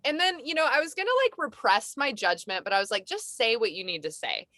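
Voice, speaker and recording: A woman hosts a relaxed podcast conversation and slips into animated storytelling, acting out her own past reactions. Her voice is bright and forceful. The sound is dry and close, with no room around it. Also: on the high side, brisk, no echo. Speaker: podcast host. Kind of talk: casual conversation. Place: camper van.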